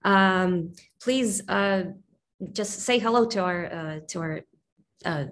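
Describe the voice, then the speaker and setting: A woman hosts a live webinar over a video call while getting over covid. Her speech halts and restarts, full of fillers as she reads out names and plugs a website. Her voice sits at an ordinary middle pitch. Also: fairly bright tone, a little hiss or hum. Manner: halting, many fillers and restarts. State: recovering from covid, brain fog. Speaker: webinar host.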